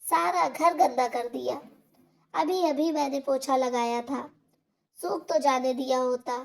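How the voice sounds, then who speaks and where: A woman's voice: high-pitched, a little slow, vocal fry. A woman voicing a harsh, scolding daughter-in-law in a storybook tale.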